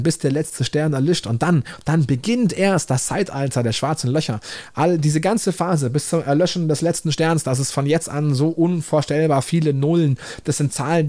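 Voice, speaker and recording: A man's voice: a little high, dark tone. A man hosting a podcast, rambling enthusiastically in slangy, casual talk with many restarts. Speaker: podcast host. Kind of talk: casual storytelling monologue.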